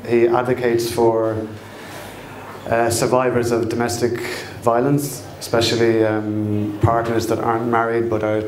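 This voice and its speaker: A middle-aged Irish man tells a personal story as if by the fireside. His pitch stays very even, and he speaks in a halting, reflective way, feeling for his words. The room around him is noticeably echoey. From Dublin, Ireland. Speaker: storyteller at a live storytelling night. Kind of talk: fireside storytelling, personal anecdote told live. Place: indoor live storytelling event, echoey room.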